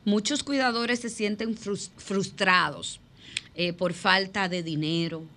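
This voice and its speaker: A woman hosts a radio discussion at a slow, deliberate pace. Her voice is bright, and she asks questions with thoughtful pauses. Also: medium pitch, steady tone, slight background noise. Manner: measured, questioning, with thinking fillers. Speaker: radio show host. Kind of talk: radio talk show discussion.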